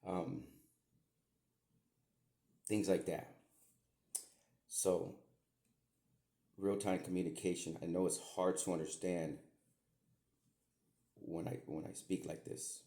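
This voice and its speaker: Deep gravelly rambling man. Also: little pitch movement, slow, long pauses, mellow. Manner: meandering, repeats himself, mild swearing. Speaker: podcast host, self-described medium. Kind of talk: rambling spoken message to his daughter. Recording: echoey room.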